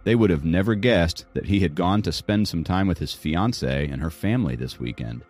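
A man reading a novel aloud as audiobook narrator, in steady scripted narration. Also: low voice, normal speed, soft background music.

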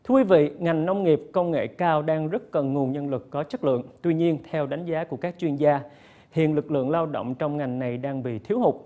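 A man in his thirties presents the news in a formal, measured way from a studio. His voice is slightly high but mellow. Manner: formal, measured anchor delivery. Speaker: news anchor.

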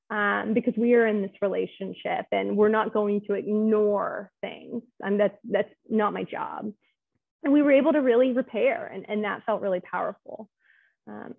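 A woman's voice: mid-range voice, creaky, no echo. Chatty woman therapist over tinny audio. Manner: chatty, keeps asking "right?" to check in with listeners. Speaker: clinical social worker presenting to clinicians. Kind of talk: conversational webinar presentation.

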